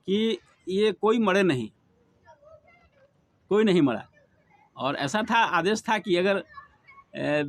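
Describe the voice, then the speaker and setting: A middle-aged man giving an earnest devotional discourse on scripture, rising and falling for emphasis as he preaches. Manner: earnest, preaching, rises and drops in pitch for emphasis. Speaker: Bhagavatam speaker.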